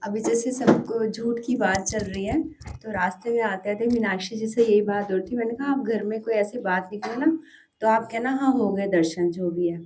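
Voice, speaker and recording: A woman's voice: mid-range voice, normal speed, background noise. A woman devotee earnestly sharing her experience at a devotional gathering, often restarting as she searches for words. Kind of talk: heartfelt testimony at a devotional gathering.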